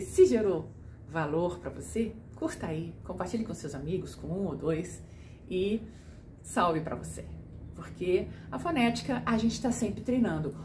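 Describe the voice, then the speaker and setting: A woman teaching German pronunciation as a patient teacher, demonstrating each sound slowly. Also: mid-range voice. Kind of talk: pronunciation lesson. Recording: echoey room with faint noise.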